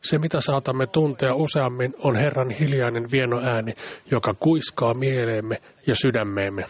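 A man reading a sermon aloud in a calm, measured way, now and then stumbling over a word. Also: medium pitch. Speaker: church speaker.

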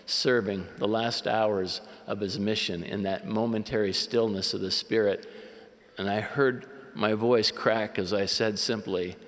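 Earnest man giving a sermon, kinda low voice, big echoey conference hall. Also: steady tone. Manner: earnest, measured delivery. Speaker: church leader giving a conference talk. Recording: long reverb of a large hall.

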